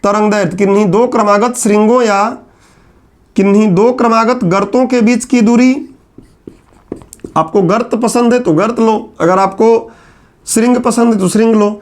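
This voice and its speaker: A man's voice: high-pitched, fairly even intonation, moderate pace. A male teacher giving a classroom lecture, explaining step by step and answering his own questions as he writes on a board.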